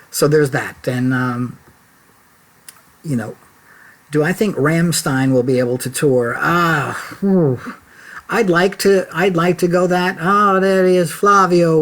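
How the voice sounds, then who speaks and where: A man hosting a casual livestream check-in from his laptop at home, rambling and chatty with lots of fillers and restarts. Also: fairly high pitch. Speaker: website founder and host of a live check-in. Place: home office. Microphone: laptop mic.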